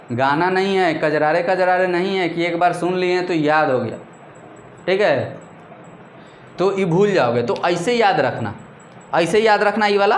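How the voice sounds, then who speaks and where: A male teacher with a high-pitched voice gives a classroom lecture mixing Hindi and English, posing questions and answering them himself. He drills terms slowly, stretching out single words. The room is echoey, with a little hiss or hum.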